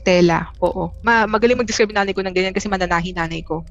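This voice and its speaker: A woman from the Philippines, a guest telling a personal story in a casual, halting way, with many restarts and fillers. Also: mid-range voice, lo-fi sound. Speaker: interview guest.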